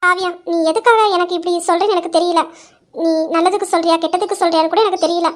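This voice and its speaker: A young woman with an extremely high, light voice tells a dramatized story. She speaks softly and earnestly, and sounds protective. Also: steady tone, quick pace. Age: young adult. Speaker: narrator voicing a young wife.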